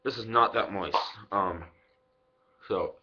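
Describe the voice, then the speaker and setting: A man in his twenties speaks in a fairly low voice with his lip packed full of dip. He rambles casually and swears freely, as in a homemade product review. The sound is slightly dull and lo-fi, picked up by a webcam microphone. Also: slow pace, very noisy. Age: 20s. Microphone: webcam microphone at arm's length.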